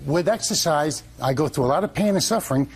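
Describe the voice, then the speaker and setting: A man in his fifties with a gravelly voice, answering as a litigant in a TV court, plain-spoken, folksy and defensive. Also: on the high side, expressive, fast, crowd noise. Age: 50s.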